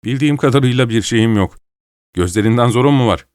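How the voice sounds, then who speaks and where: A man voicing a young doctor with a cold, speaking hoarsely with a slight Scottish lilt. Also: medium pitch, fast talker, a little mellow, dry recording, clean studio sound, lightly acted. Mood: dry.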